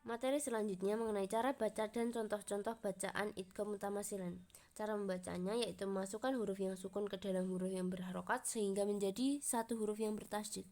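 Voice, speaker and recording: A young university student from Indonesia, a woman, presents her coursework in a steady, explanatory read. Her voice sits at an ordinary middle pitch for a woman. She slows down carefully whenever she recites the Arabic examples. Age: young adult. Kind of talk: reading a class presentation.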